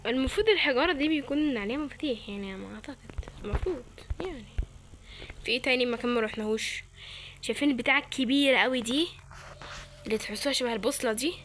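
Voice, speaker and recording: A woman's voice: sits high, very fast, background noise. A woman with an Egyptian Arabic accent giving playful, chatty let's-play commentary and talking to her viewers. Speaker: gamer.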